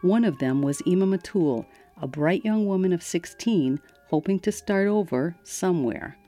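A woman hosting a radio program, giving scripted narration in a measured, steady way. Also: fairly low pitch, soft background music. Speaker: radio host.

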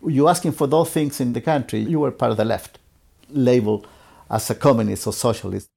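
Gravelly man recalling the past earnestly. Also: mid-range voice, a little fast, a little mellow. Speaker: interviewee. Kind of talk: recalled testimony.

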